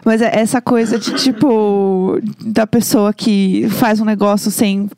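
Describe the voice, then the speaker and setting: A woman co-hosting a podcast, telling stories in an animated way and acting out the people in them. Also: takes it slowly. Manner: animated, acts out the people in her stories with a high voice. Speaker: podcast co-host. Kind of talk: casual chat and storytelling.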